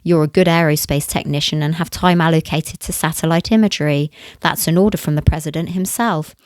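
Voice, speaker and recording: A woman voicing a huge, gruff military major who speaks curtly and dismissively. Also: low-pitched, steady tone, fairly quick, darkish tone, no room sound, close to an everyday voice. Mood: stern. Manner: curt and dismissive.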